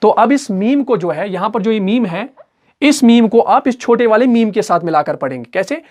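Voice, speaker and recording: A man with an Urdu-speaking accent teaching Quran recitation rules step by step, asking questions and answering them himself, and chanting example words slowly with drawn-out syllables. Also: high-pitched, lively intonation. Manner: patient, repeats each example slowly. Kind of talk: step-by-step tajweed lesson.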